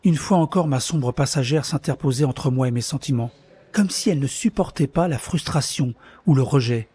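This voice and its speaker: Soft music plays beneath a man who narrates his own tale as the lead of an audio drama, sounding bitter and turned inward. He speaks in a husky, natural mid-range voice at an unhurried, moderate pace.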